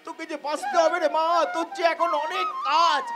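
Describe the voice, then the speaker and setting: A man's voice: very high-pitched, fairly even intonation, brisk, over loud music. A man playing a grieving, pleading father. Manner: pleading, tender, repeats words. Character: anxious grieving father of a sick daughter. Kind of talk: live jatra stage acting.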